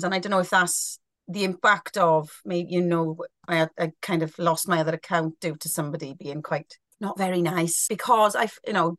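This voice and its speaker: A woman's voice: fairly low pitch, fairly bright tone, no room sound, clean studio sound. A woman, talking frankly and expressively as a podcast guest, often restarting her sentences. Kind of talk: candid podcast conversation.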